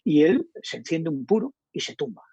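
Husky, lively Spanish-accented man. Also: a little high, moderate pace, no echo. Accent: Spain Spanish. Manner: animated storyteller acting out quoted dialogue. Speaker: radio journalist guest. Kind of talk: casual anecdote telling. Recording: dull lo-fi dry recording.

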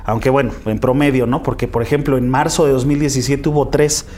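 A man's voice: medium pitch, fairly even intonation, a little fast, darkish tone. A man, a lawyer, explaining figures step by step in an interview. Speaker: lawyer interviewed for a press freedom group.

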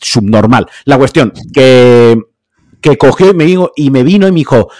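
A man's voice: mid-range voice, expressive, normal speed, darkish tone, no room sound, clean studio sound. Blunt, heated storytelling man. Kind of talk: casual podcast chat.

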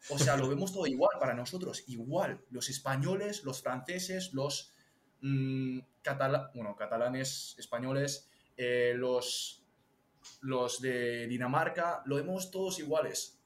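A man's voice: medium pitch, unhurried. Young male guest in an echoey room. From Spain. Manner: lively, explains with examples. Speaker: guest, TikTok strategist. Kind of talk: casual interview chat.

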